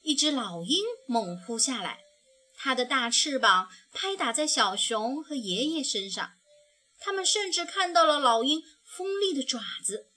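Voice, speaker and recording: A woman narrating a children's storybook in a soft, tender, slow manner. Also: high-pitched, animated.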